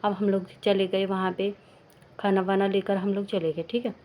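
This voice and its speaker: Young woman telling a story in a flat, mellow voice. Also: medium pitch, normal speed. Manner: rambling, many fillers and restarts. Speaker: vlogger. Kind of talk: casual storytelling to camera. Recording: faint background noise.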